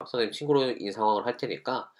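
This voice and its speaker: A man's voice: fairly low pitch, very fast. A male teacher giving an online lesson, explaining step by step and acting out short example lines.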